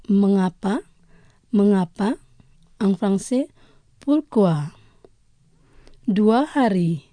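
A woman leads a radio language lesson in a slow, deliberate way, repeating each word twice so listeners can follow. Her voice is dark and mellow, and the studio sound is dry and close. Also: mid-range voice, no echo.

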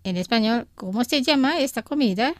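A woman's voice: on the high side, animated, a little fast, noisy background. A woman presenting a radio language lesson, reading from a script and carefully saying each phrase twice so that listeners can repeat it.

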